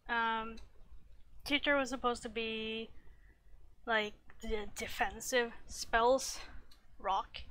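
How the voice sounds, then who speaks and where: Woman streamer, higher bright voice, rambling casual talk, slightly breathless. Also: fairly even intonation, slow pace, pauses often. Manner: rambling, full of fillers and restarts. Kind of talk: casual livestream chat.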